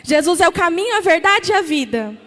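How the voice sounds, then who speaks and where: High-voiced Brazilian woman preaching in church. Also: big pitch swings, fairly quick, a bit bright. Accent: Brazilian Portuguese. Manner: repetitive, emphatic questioning. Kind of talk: sermon. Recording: long church reverb.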